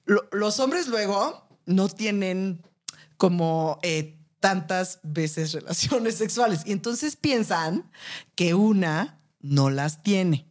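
Host: Mexican woman, frank and conversational, with a very lively, swinging pitch. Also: takes it slowly. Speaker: podcast host. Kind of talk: casual chat.

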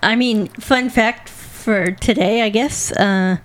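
A woman's voice: a little high, slow. Laid-back woman co-host, dry replies. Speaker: podcast co-host. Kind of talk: casual chat.

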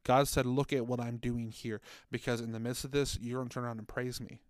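A man with a mid-range voice talks a little fast and flatly as he retells a story on a faith podcast, earnest and conversational, acting out the quotes. He co-hosts the show, used to work in children's ministry, and sounds like he's in a dry, close room with no echo.

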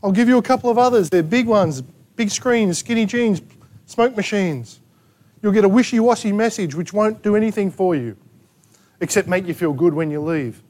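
An Australian man preaching a sermon to his congregation, emphatic and full of rhetorical questions and sharp asides. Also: high-pitched, animated, normal speed. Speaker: pastor. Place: church gathering in a rented hall.

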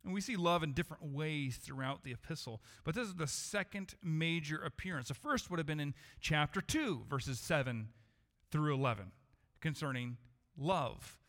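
A man with a slightly raised voice preaches to his congregation, earnest and measured, often circling back over his words. His voice rings with the long reverb of a church hall. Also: fairly high pitch, lively intonation, a bit bright. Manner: earnest, measured preaching with frequent restarts and repetitions. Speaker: pastor. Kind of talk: sermon. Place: church sanctuary.

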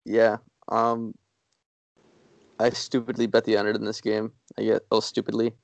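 A man with a lowish, gravelly voice rambles through casual sports podcast talk. He is self-deprecating and often restarts his sentences. The sound is dry and close. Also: monotone, normal speed, no echo. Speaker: podcast co-host.

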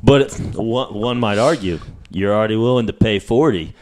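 A man's voice: fairly low pitch, moderate pace, a little mellow. A man in his thirties hosting a casual comedic chat, telling rambling, slangy stories. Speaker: podcast host.

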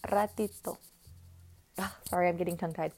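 A woman hosting a casual solo podcast, talking in a chatty, rambling way with many pauses and restarts. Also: medium pitch, steady tone, darkish tone, faint music behind. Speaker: podcast host.

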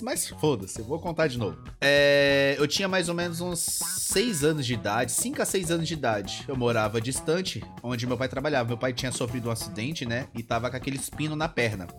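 A Brazilian man tells a long childhood anecdote on a podcast in an animated way, his pitch swinging widely as he acts out each person in it. Faint music plays underneath him. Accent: Brazilian Portuguese. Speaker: podcast co-host. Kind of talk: casual storytelling chat.

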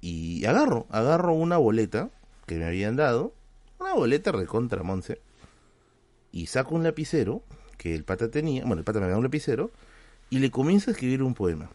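Animated Peruvian man telling a story. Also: mid-range voice, brisk, no echo. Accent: Peruvian Spanish. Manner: animated, slangy anecdote with frequent "¿ya?" and "¿no?" check-ins. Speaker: livestream host. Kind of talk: casual storytelling to a stream chat.

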